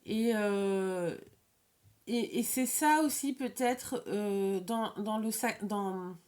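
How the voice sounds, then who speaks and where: An oracle reader with a darkish, mid-range voice does an unplanned, informal card reading. She has a mild lisp that makes her s sounds slushy, and she hesitates, circling back to repeat and reword.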